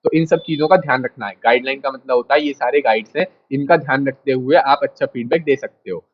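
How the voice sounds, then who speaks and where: A man's voice: medium pitch, fast talker, lo-fi sound. A man teaching a class in a casual, direct way, repeating his points and talking straight to the students. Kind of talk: casual lecture.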